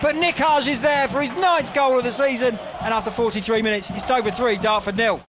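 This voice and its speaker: A man giving excited, often shouted live football commentary on the radio from a ground. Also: very high voice, a little fast. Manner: excited, shouted calls of the action. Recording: noisy radio broadcast with crowd behind. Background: match crowd noise.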